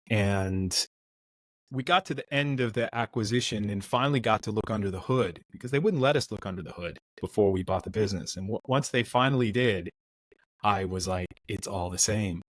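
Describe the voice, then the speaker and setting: A podcast guest, middle-aged and American-accented, recounts his career in a laid-back interview, often beginning sentences again. He's from the United States, his pitch is fairly low, and there's no echo.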